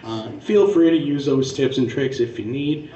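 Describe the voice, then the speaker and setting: A man's voice: mid-range voice, lively intonation, normal speed, mellow. A man performing stand-up comedy as a profane, conversational and punchy rant. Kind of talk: stand-up comedy monologue, crude casual rant. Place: live comedy venue on stage. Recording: echoey club room, distant dull mic.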